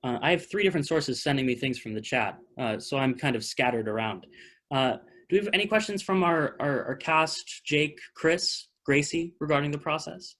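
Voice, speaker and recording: A man with a fairly bright, higher-side voice speaks at a moderate pace. On a video call, he hosts a post-show theater talkback, fielding questions casually and thinking aloud in conversation.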